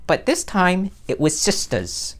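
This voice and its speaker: A woman's voice: lowish voice, wildly swooping pitch, unhurried, full character voice. A woman playing a sassy rambling nun. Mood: chatty. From New Jersey. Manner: rambling, sassy, full of self-interrupting asides. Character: chatty sassy middle-aged nun teacher, woman. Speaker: vlog host. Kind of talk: comedic character vlog.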